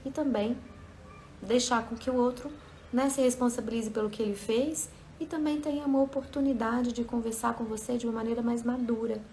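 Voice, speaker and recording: A woman's voice: a little high, steady tone, a little fast, darkish tone, slight background noise. A woman giving a motivational self-help talk as a coach, speaking conversationally and often checking in with her listeners.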